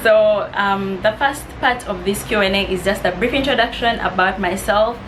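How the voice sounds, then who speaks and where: This vlogger, around twenty and from East Africa, speaks at normal speed and medium pitch against background noise. She reads get-to-know-me questions aloud and answers them, friendly but a little nervous, laughing softly now and then in her casual Q&A.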